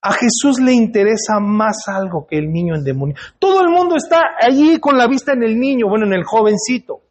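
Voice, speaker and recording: A man's voice: high voice, lively intonation, fairly quick. A male pastor, preaching in a church and putting questions to the congregation in a conversational way. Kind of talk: sermon. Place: church hall.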